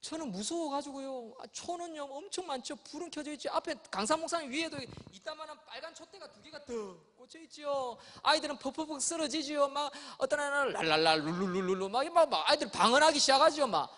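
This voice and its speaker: A man's voice: extremely high pitch, quick pace, few pauses, bright, forceful tone, slight background noise. A male pastor telling a childhood story in his sermon, acting out voices. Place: church sanctuary. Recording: long church hall reverb.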